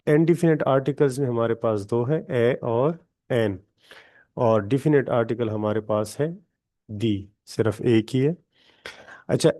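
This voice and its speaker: Mellow-voiced man teaching a grammar class. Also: medium pitch. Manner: explains step by step, keeps checking in with "theek hai". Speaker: English teacher. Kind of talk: live online grammar class. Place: online class on a video call.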